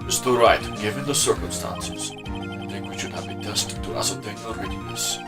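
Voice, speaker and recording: A man's voice: fairly low pitch, moderate pace, music in the background, natural voice. A man playing a solemn male judge in a courtroom video game, speaking formally and with measure.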